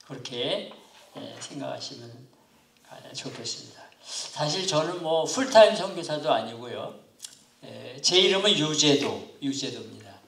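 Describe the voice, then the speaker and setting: Gravelly older man lecturing in an echoey room. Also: medium pitch, expressive, a bit bright. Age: 70s. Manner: unhurried, halting, polite formal speech. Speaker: pastor teaching a missions class. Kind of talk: lecture to lay ministry students. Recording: echoey room, far from mic.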